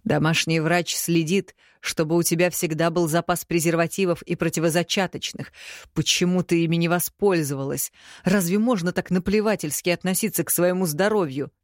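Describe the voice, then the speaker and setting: A woman voicing a stern, domineering rich middle-aged father in an audiobook, with slow commanding lines. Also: fairly low pitch, fairly even intonation, dry recording, clean studio sound, natural voice.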